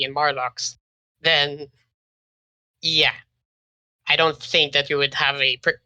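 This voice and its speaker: A young man with a very bright, sharp-edged voice talks as a podcast guest. He rambles casually, circling back over his points. His voice sits close and dry, with no room sound. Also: a little high, dry recording, rough recording. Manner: rambling, many fillers and restarts.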